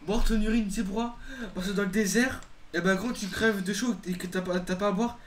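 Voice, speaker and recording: A man's voice: high-pitched, fairly even intonation, fairly quick, a crowd in the background. A man with a southern French accent hosting a casual gaming chat, stammering and repeating his words. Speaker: gaming channel host.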